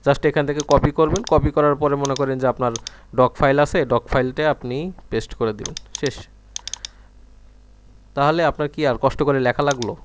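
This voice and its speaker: A young man hosting a casual software tutorial, chatty, filling pauses and often checking "okay?" with viewers. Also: mid-range voice, steady tone, a little hiss or hum. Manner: chatty, keeps asking "okay?", many fillers. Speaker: tech tutorial host.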